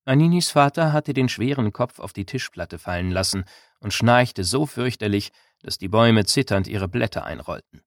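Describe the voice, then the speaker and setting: Low-voiced male storybook narrator. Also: no room sound, clean studio sound. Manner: calm, measured storytelling. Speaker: audiobook narrator. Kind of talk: scripted narration.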